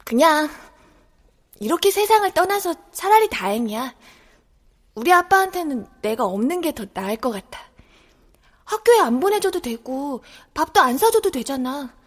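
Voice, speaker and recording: A woman voicing a gentle young child in an audio drama who speaks plainly and softly. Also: sits high, big pitch swings, moderate pace. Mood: resigned. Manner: plain and soft, later quiet and resigned. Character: poor, gentle young child facing its death.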